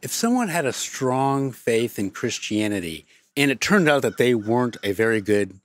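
A man's voice: medium pitch, sing-song, moderate pace, dry recording. Skeptical man asking probing questions. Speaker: podcast host.

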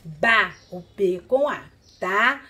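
Bright-voiced teacher, slow and patient. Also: female voice, mid-range voice, animated. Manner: slow, syllable-by-syllable sounding out of words; patient, coaxing with frequent "tá?" and "né?". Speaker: primary school teacher. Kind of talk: online literacy lesson for young children.

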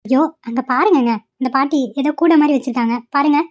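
A woman voicing a devoted young wife for a cartoon, insistent and pleading. She talks high and fast, and the recording is dull and lo-fi. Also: close to an everyday voice. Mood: gentle. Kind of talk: cartoon voice acting.

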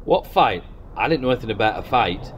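A man's voice: fairly low pitch, lively intonation, brisk, slight background noise. A man who leads a church, playing himself in a comedy skit, talking casually with mild exasperation. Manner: casual, mildly exasperated, calls everyone mate. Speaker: senior church leader.

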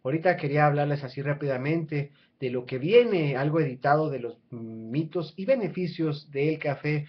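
A man's voice: a little high, normal speed, few pauses. A man, hosting his own channel and talking casually and persuasively to the camera from a small room at home, with frequent restarts and fillers. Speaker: channel host. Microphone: webcam at close range. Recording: dull lo-fi webcam audio.

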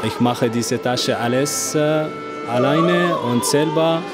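Brief: man, slow, plain cheerful delivery, music behind. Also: medium pitch. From Syria. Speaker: interviewee. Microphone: handheld mic.

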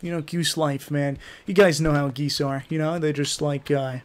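A young man commentating a game in a rowdy, profane way, yelling taunts at the characters. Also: a little high, steady tone, moderate pace. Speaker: gaming YouTuber.

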